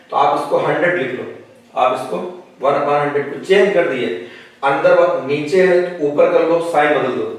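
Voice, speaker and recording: A man teaching a physics lesson in a classroom, working through problems step by step and often checking with his students. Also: a little high. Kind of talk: classroom lecture. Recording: echoey room, voice from a distance.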